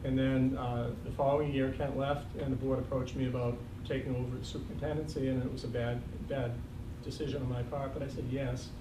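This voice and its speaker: Speaking a little fast and with hardly any pauses, this medium-pitched man keeps his pitch fairly flat. He's a school superintendent in his sixties, slight Boston accent, giving a reflective farewell at a board meeting with light jokes and lots of ums. The room recording is distant, echoey, and noisy.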